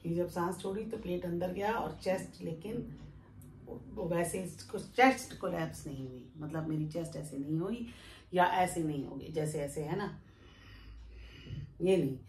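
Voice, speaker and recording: A woman yoga teacher giving a calm, step-by-step breathing lesson while she demonstrates it. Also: lowish voice, measured pace. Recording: echoey room with faint background noise.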